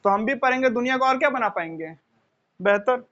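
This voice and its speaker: A man with a strikingly high voice lectures students in an earnest, explanatory way. He keeps asking his listeners questions, then supplies the answers himself, and calls them children. The recording sounds muffled and lo-fi. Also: animated, a little fast, fairly bright tone. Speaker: teacher. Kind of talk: motivational classroom lecture. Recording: dull lo-fi recording.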